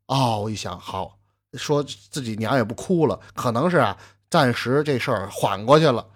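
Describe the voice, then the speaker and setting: A man telling a traditional story with lively asides to the listener. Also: mid-range voice, moderate pace.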